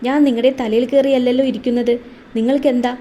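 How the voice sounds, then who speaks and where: A woman's voice: a little high, fairly even intonation, dark tone, a little hiss or hum, natural voice. A woman voicing a spirited young wife who answers back sharply and speaks thoughtfully about love. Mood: sassy. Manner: sassy, quick retorts, thoughtful.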